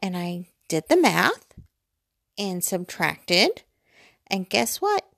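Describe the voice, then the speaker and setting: A very animated American woman in her forties, a vlogger, rambles casually and self-deprecatingly while lying in bed in her bedroom. She takes it slowly in a mid-range, fairly bright voice with vocal fry, captured cleanly in studio sound without echo.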